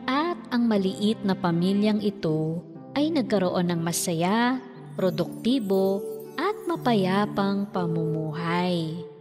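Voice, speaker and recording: A woman narrates a scripted children's fairy tale slowly in a medium-pitched voice. Long reverb trails her words, and faint music plays behind her.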